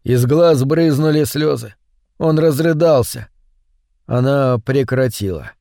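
A man narrating a scripted horror story in a measured, suspenseful way. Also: medium pitch, gravelly, warm tone, no room sound, clean studio sound.

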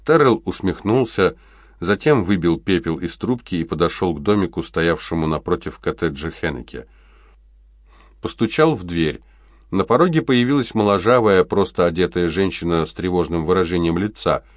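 A man narrating an audiobook in an even, measured reading. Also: low voice, no room sound, studio quality. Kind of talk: scripted narration.

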